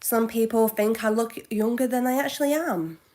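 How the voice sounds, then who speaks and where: A woman in her twenties chatting casually on a live Q&A stream, halting and correcting herself now and then. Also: on the high side. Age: 20s. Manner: halting, self-correcting, with soft asides. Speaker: livestreamer.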